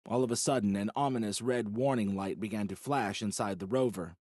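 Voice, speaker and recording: A man narrating a science fiction audiobook in an even, measured way. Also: fairly low pitch, dry recording, studio quality. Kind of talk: scripted narration.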